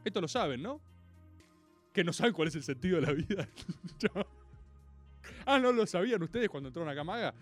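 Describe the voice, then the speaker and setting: A man with a Rioplatense Argentine accent, talking casually to his live-stream chat in a teasing, profane way that turns to slow musing. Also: fairly high pitch, lively intonation, soft background music. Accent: Rioplatense Argentine Spanish.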